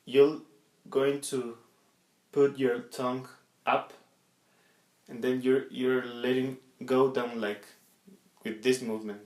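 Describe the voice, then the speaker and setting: An echoey room carries the voice of a man giving a practical lesson. He speaks slowly at a middling pitch, explaining each step haltingly and often repeating a word before going on. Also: flat delivery, darkish tone, a little hiss or hum. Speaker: instructor demonstrating body percussion sounds. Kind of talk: instructional demonstration.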